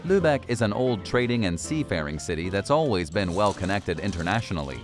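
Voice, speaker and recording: A man with a low, animated voice reads scripted travel narration in a voice-over. Music plays clearly behind him. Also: a little fast. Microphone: studio voice-over. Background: background music.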